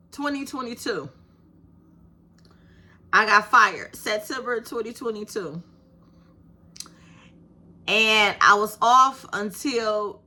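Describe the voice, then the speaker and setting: This woman, in her fifties, is a YouTube creator giving a casual direct-to-camera talk. Her soft, medium-pitched voice is animated and encouraging, and she addresses viewers with "baby" and "you hear me".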